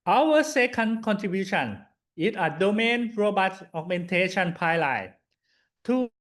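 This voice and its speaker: A man giving a scripted academic slide presentation as a PhD student, in halting, hesitant short phrases. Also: sits high, animated, fairly bright tone.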